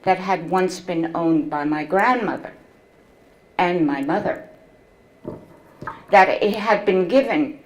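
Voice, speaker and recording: A woman in her seventies, a memoir author reading from her book and telling her story to an audience in a slow, measured way. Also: fairly low pitch, low-quality recording. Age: 70s.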